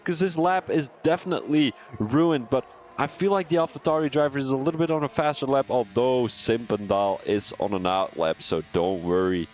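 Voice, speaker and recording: A young Belgian-accented man commentates live on a sim racing stream, excitable and chatty, laughing and rambling between calls. His voice sits on the high side, with slight background noise.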